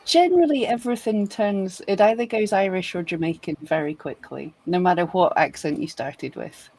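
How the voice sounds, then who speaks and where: A Scottish woman co-hosts a live webinar with a lowish, husky voice. She chats casually, tosses in quick asides and laughs easily. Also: a little mellow, low-quality recording. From Scotland. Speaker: webinar co-host.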